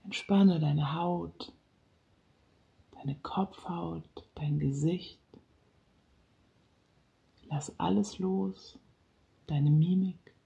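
A relaxation guide speaking softly and slowly, sometimes dropping into a whisper, leading a guided relaxation. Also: medium pitch, steady tone, gravelly, dull audio. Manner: slow, soft-spoken, partly whispered.

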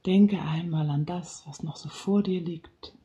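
A relaxation guide speaking softly and slowly, sometimes dropping into a whisper, leading a guided relaxation. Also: medium pitch, steady tone. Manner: slow, soft-spoken, partly whispered.

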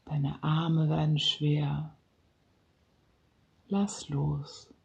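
Slow, soft-spoken relaxation guide. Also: medium pitch, little pitch movement, vocal fry.

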